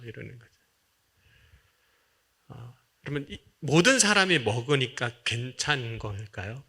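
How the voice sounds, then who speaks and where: Bright-voiced male pastor preaching. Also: medium pitch. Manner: earnest preaching, often addresses the congregation directly, rising and falling emphasis. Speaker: senior pastor. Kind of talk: sermon at a Friday prayer meeting.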